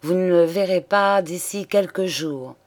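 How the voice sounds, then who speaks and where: A woman reading aloud, voicing a secretive male lawyer who speaks to his mistress in a firm, evasive way, slow and fairly low. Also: darkish tone, close to an everyday voice. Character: secretive, uneasy male lawyer, young lover.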